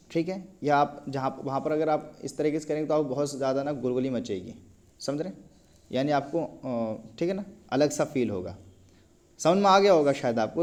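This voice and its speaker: A man's voice: a little high, darkish tone. A patient man teaching a recitation lesson one-on-one, often checking that his student understands and praising answers.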